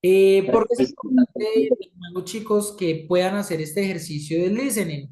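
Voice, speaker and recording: A woman's voice: medium pitch, big pitch swings, normal speed, warm tone. A woman teaching an English class, who keeps checking in with her students. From Colombia. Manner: checks in often with "¿sí?" and "¿listo?". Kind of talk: classroom lesson. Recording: echoey room.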